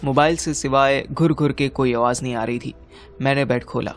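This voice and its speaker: A man's voice: medium pitch, fairly even intonation, normal speed, faint music behind. A young man narrating an audio drama in the first person, with urgent, exasperated dialogue. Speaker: narrator and lead character.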